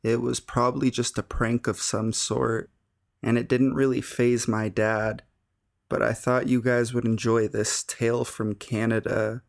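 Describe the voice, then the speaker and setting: A man narrating scary stories in a slow, even storytelling delivery. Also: medium pitch, gravelly. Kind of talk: scripted narration.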